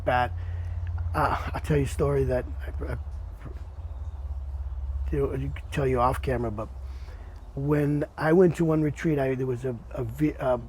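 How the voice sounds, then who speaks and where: A man hosting a podcast interview, chatting in a relaxed way, often repeating words and calling his guest "man". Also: medium pitch, normal speed, pauses often, a little hiss or hum. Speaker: podcast host. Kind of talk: casual interview chat.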